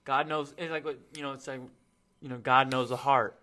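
Co-host, male, bright tone, earnest, rambles and restarts. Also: medium pitch, steady tone, brisk. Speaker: co-host of a Bible talk. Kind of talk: casual faith discussion.

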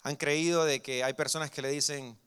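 A young man preaching a sermon as pastor, telling stories lively and acting out the dialogue. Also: fairly high pitch, normal speed, clean tone. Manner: lively storytelling that acts out dialogue.

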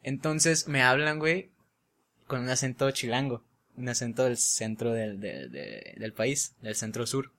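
A man's voice: medium pitch, lively intonation, a little slow, a bit bright. A young man with a Mexican Spanish accent, chatting casually and telling a story full of slang, often laughing. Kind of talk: casual chat.

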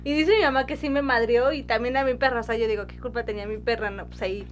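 A young woman with a Mexican accent telling stories in a casual podcast chat, slangy and quick to laugh and tease. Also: high voice, slight background noise. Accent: Mexican Spanish. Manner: slangy, laughs often, quick teasing interjections. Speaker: podcast co-host.

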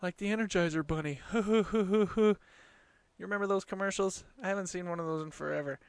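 A man in his late twenties hosts a casual solo podcast from a small closet, talking in an informal, earnest, conversational way. His voice is high-pitched and clean, fairly quick, and the recording is dry.

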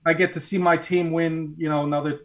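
A man's voice: fairly high pitch, flat delivery, fairly quick, poor audio. A man in his forties co-hosting a casual sports talk show, steering the segments and asking others for picks. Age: 40s. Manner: runs the segments, asks for predictions. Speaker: podcast co-host.

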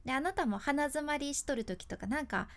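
Lively high-voiced Kyushu woman host. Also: a little fast, creaky. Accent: Kyushu Japanese. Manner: mixes polished announcer delivery with chatty dialect asides. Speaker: podcast host, freelance announcer. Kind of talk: casual podcast talk with tips.

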